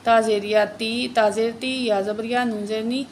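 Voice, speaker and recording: A woman gives a word-by-word tajweed lesson, slowly drawing out each recited word before spelling out letters and vowel marks in quick explanations. Her voice is a little high and steady in tone, with a little hiss or hum on the recording.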